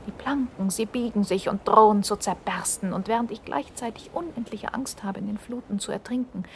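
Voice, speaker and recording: A woman's voice: medium pitch, creaky, slight background noise. A woman reading her own first-person motivational text aloud, earnest and intimate, often dropping to a half-whisper and pressing the listener with urgent questions.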